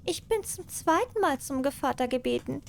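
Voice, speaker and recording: A woman's voice: sits high, animated, normal speed, vocal fry, pitched above the performer's own voice. A woman voicing a sly, greedy female cat in a fairy tale, with a curt, brazen manner. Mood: wheedling.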